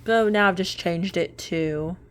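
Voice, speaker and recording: Speaking a little slowly in a fairly low voice, a late-twenties woman who vlogs about budgeting chats while sorting money into envelopes. She rambles, corrects herself, and laughs softly along the way.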